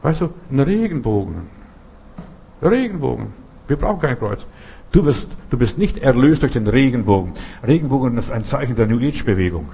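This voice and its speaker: A man's voice: mid-range voice, expressive, fairly quick, warm tone, breathy edge. An older man preaching a Pentecostal sermon, emphatic, repeating phrases and often asking his listeners whether they understand.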